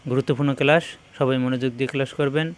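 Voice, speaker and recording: A man teaching a Quran pronunciation lesson, drawing out each Arabic letter sound slowly and firmly. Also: medium pitch, little pitch movement. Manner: slow, drawn-out demonstration of letter sounds.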